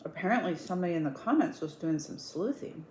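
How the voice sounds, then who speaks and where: A woman's voice: lowish voice, animated, quick pace, a little mellow. Woman, casual storyteller, emphatic retelling with quoted dialogue, echoey room, faint background noise. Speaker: online storyteller in an eat-with-me video. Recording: roomy echo with clear background noise.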